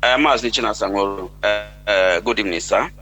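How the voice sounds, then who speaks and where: A man's voice: lowish voice, brisk, sharp tone, soft background music. Man on a breaking-up phone line. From Nigeria. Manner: polite, formal greetings. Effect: breaking-up phone line, voice coming and going. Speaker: caller. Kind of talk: radio call-in caller.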